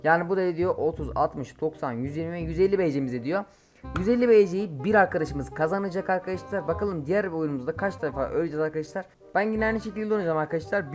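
A man giving live gameplay commentary as a mobile game streamer, excitable and quick to curse and shout at his teammates. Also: on the high side. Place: home, playing on an emulator.

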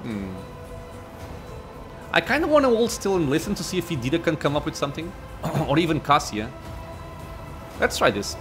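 A man's voice: on the high side, very animated, normal speed, pauses often, over music. A man hosting a gaming video, thinking aloud with fillers and muttered asides as he plays. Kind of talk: casual let's-play commentary.

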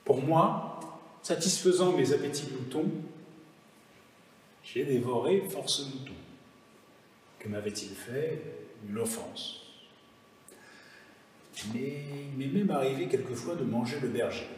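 A man reading the part of a solemn male lion king holding council, in a grave, measured declamation of a verse fable. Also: medium pitch, expressive, a little mellow, slight background noise. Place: large stone chapel, live audience reading. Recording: echoey chapel, voice from far off.

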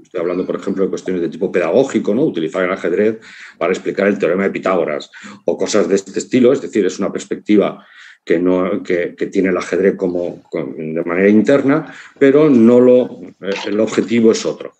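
A Spanish-accented writer and philosopher in his fifties gives an informal conference talk over a video call from his living room at home. His deep, warm voice is reflective and halting, and he often checks in with short tags.

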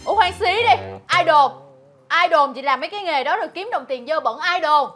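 A blunt, sarcastic older sister who runs a hair salon. Her voice is high and bright, and she fires off scolding lines at a quick clip. Light music plays underneath. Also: expressive. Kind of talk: sitcom acting.

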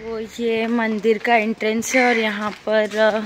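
A woman's voice: fairly high pitch, flat delivery, slow, background noise. A woman in her thirties chatting casually to camera in a travel vlog, recorded outdoors on a phone held at arm's length. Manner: chatty, informal, talks straight to camera. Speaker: travel vlogger. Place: outdoors at night by a roadside stall and at a temple.

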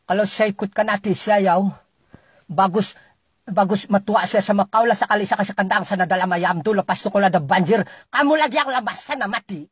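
A comic storyteller with a Sabahan Malay accent, ranting and scolding an unseen listener in an exasperated comic monologue, the pitch jumping up and down. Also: fairly quick, breathy edge, dry recording.

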